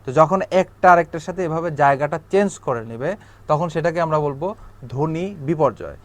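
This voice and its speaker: A man with a Bangladeshi Bengali accent teaches an exam-prep grammar lesson in a somewhat high voice. He repeats each example and checks in with the class after every point. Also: fairly quick. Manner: drills examples, asks "ঠিক আছে?" after each point. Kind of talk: recorded grammar lecture.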